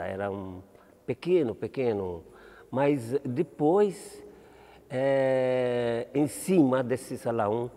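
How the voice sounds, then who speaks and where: With a medium-pitched, mellow voice and a Maltese accent, a priest from Malta in his seventies responds to an interviewer in a large hall. He speaks haltingly, restarting words and checking with "entende?".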